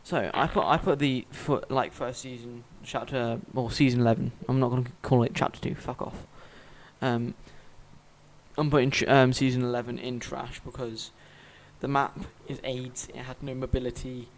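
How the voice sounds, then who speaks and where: A young man in casual chat about video games, blunt and quick to swear. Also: medium pitch, flat delivery, poor audio. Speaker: gaming YouTuber. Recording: faint noise with clicks.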